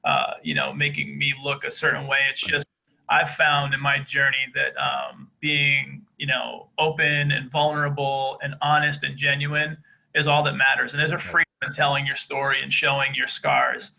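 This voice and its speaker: A man from East Boston with a softened Boston accent, telling his life story earnestly in a podcast interview. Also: medium pitch, steady tone, normal speed, vocal fry, low-quality recording. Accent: Boston, softened by years in Georgia. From East Boston, Massachusetts. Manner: earnest, open, many fillers. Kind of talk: candid conversational interview.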